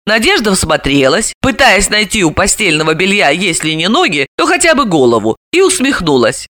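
A woman narrating a novel in measured, expressive storytelling. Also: medium pitch. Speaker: audiobook narrator. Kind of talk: scripted narration.

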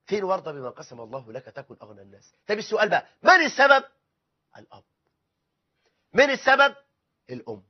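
A man's voice: high voice, very animated, fast talker, long pauses. A man with an Egyptian accent preaching a sermon, mixing colloquial talk with formal phrases and acting out family dialogues. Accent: Egyptian Arabic. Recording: dull lo-fi recording.

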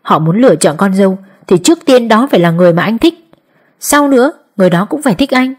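A woman's voice: medium pitch, animated, fast talker, darkish tone, slightly rough. A woman voicing a lazy, teasing young boyfriend in an audiobook, talking offhandedly. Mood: offhand. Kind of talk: audiobook character voice.

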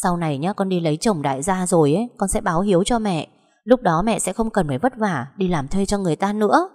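A woman voicing a spoiled, sly teenage younger sister who talks in a shrill, bossy, whiny way, with a long echoing reverb. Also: lively intonation, fast talker, a little mellow. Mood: wheedling.

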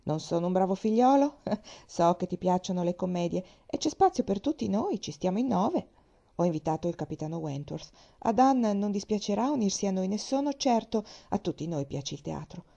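A woman's voice: mid-range voice, animated, moderate pace, gravelly, dark tone, dull audio. Breezy good-natured young husband, read by a woman. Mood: jovial. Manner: easygoing, jovial talk.

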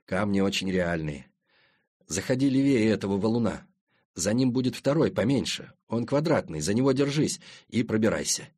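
A man voicing a calm, wry companion who gives practical instructions in a matter-of-fact way. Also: on the low side, normal speed, slightly rough. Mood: instructive. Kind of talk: audiobook character voice.

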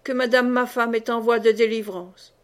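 Lady reading as a serious formal soldier dude, kinda high voice. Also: little pitch movement, moderate pace, lightly acted. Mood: grave. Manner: grave, formal. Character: grave male man-at-arms.

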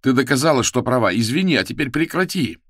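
A man voicing a terrified young man who shouts and begs for his life in a dark audiobook scene. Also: mid-range voice, sing-song, fast, no echo, clean studio sound, voice pushed up. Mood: panicked shouting. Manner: shouting, pleading, strained.

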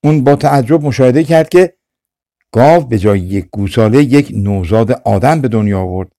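Mellow-voiced man narrating a folktale. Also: medium pitch, dry recording, studio quality. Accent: Persian. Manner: calm, measured folktale reading. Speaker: audiobook narrator. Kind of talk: scripted storytelling narration.

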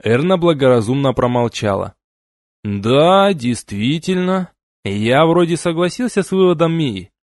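A man's voice: medium pitch, lively intonation, moderate pace, hardly any pauses, darkish tone, dry recording, clean studio sound. A man narrating a fantasy audiobook expressively, giving each character a voice.

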